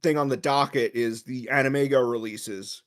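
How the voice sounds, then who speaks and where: A man co-hosting a podcast in casual chat on a live video call, joking and animated. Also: medium pitch. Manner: joking, animated, breaks into quick mock voices. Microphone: computer mic on a call.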